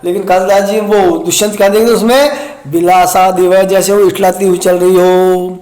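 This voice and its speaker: A man's voice: high voice, level tone, normal speed, a little mellow, echoey room. A man teaching a Sanskrit text, reciting each verse and then explaining it word by word in a lecture. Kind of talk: recorded classroom lecture.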